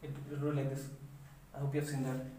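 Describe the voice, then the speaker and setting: A woman physics teacher explains a lesson step by step and often asks the class whether it is clear. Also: a bass voice, monotone, fast talker, dark tone. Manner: explains step by step, checks understanding with questions. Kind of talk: recorded online lecture. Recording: echoey room, voice from a distance.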